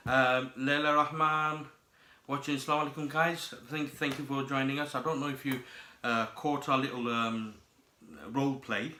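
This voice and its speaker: Bright, jokey male co-host. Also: medium pitch, moderate pace. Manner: lively, jokey, reads out comments. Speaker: chat show co-host. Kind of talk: casual chat. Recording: echoey room.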